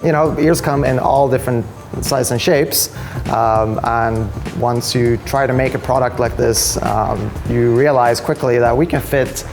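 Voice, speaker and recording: Male company rep, mid-pitched with vocal fry, hesitant casual interview delivery, music clearly behind. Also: unhurried. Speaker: tech company representative.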